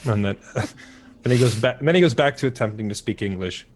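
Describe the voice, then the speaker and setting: A man plays a tabletop game and describes what his character does in casual talk. His throat sounds hoarse and overworked. His pitch moves around in a lively, animated way. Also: a little fast. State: hoarse, throat worn out from overuse. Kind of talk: casual narration of a character's actions.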